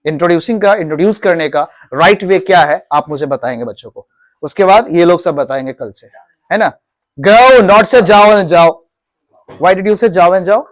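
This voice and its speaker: A man teaching English to pupils in a classroom, mixing Hindi and English and having them repeat after him. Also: high-pitched. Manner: drills pupils with call-and-repeat questions.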